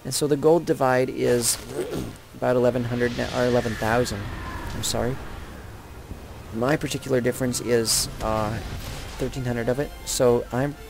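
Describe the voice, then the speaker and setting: A young man chats casually over his own video game match, rambling and frequently correcting himself, with game music and sound effects behind him. His medium-pitched voice is gravelly, with fairly even intonation and a moderate pace.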